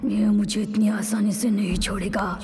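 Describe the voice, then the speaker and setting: A woman's voice: sits high, slow pace. A woman dubbing a vengeful, scheming female ghost in a horror film, taunting and menacing, with a ghostly reverb. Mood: scheming whisper. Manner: taunting, menacing, whispers her plots to herself. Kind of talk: Hindi film dub. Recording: echoey, long-reverb dubbed film audio with music.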